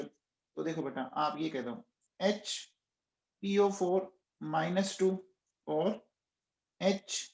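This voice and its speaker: Over a reverberant recording, a high-pitched man leads a live online chemistry lecture. He repeatedly coaxes and quizzes his students, raising his voice to draw out answers and saying he is shouting nonstop.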